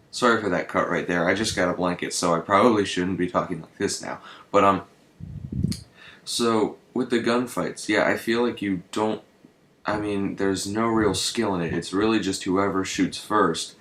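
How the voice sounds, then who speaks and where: Young male gamer, deep voice, rambling and hesitant, echoey noisy room. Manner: rambling, hesitant, lots of ums and swearing. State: shivering from the cold. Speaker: gaming channel host. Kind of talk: casual gameplay commentary. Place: bedroom with a fan running. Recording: echoey room with loud noise.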